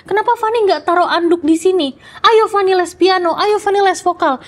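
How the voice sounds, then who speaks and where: A nagging mother fires off high, insistent reminders at her child, as a woman mimics her. Her voice jumps well above the speaker's own and keeps pressing. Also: brisk.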